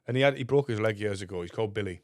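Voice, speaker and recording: Man, fairly low voice, crude rambling anecdotes, dry close mic. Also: very fast, no room sound. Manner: rambling, animated anecdote-telling with crude humour. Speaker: podcast co-host. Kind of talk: casual storytelling chat. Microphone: desk mic.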